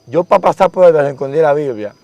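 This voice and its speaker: A young man recounts his religious testimony in a relaxed, conversational way. His voice sits a little higher than most men's. He repeats phrases earnestly as he tells the story. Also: a little fast, no room sound, highs cut off, soft background music. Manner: repetitive, earnest, emotional retelling. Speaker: interviewee giving testimony.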